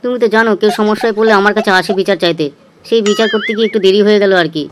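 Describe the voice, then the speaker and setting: A woman's voice: mid-range voice, rapid-fire, soft background music, lightly acted. A woman voicing a stern male village strongman in a cartoon, giving clipped, commanding orders. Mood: meek. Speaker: voice actor. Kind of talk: cartoon voice acting.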